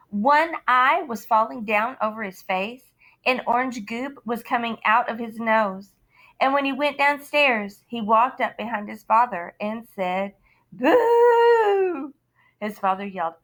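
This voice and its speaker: A woman teacher reading a picture book aloud to her students, expressive with dramatic pauses and sudden shouts. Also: a little high, rough recording.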